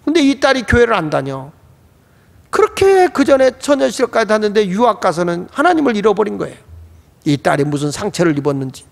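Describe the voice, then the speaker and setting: A man's voice: sits high, big pitch swings, a little fast, creaky. A male pastor preaching a sermon emphatically, his voice swelling into exclamations, in a church sanctuary. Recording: echoey church hall.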